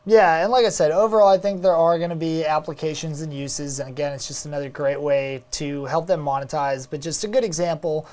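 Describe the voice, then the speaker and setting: A woman co-hosting a live web show, speaking in a low voice for a woman. She talks in a loose, conversational way and leans on small fillers as she gives her opinions. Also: steady tone, fairly quick, hardly any pauses, mellow. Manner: conversational, fillers like "you know" and "um". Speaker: co-host of a social media show. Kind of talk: live web broadcast, casual discussion.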